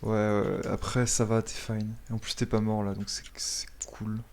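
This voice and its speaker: A man's voice: on the low side, little pitch movement, normal speed, creaky, darkish tone, slight background noise. A man playing an online game, chatting casually with teammates, teasing and laughing often. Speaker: streamer playing support. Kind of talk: casual gaming chat.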